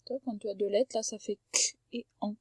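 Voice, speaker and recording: A woman teaching a young child to read, patient and clear, slowly drawing out words so each sound can be heard. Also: medium pitch, fairly even intonation, a little mellow, dry recording. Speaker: primary school teacher. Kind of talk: remote reading lesson for a young child. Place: at home.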